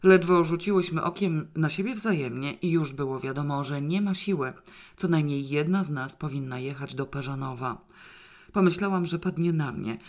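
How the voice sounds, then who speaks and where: A woman narrating a novel aloud in the first person, in a wry, lively storytelling manner. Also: low voice. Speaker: audiobook reader.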